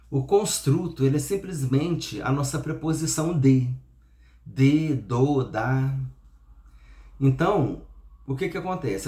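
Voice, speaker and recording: A man's voice: medium pitch, darkish tone. Brazilian man teaching a Bible lesson. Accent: Brazilian Portuguese. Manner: explanatory, repeats words while teaching. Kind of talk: Sunday school Bible lesson. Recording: echoey room.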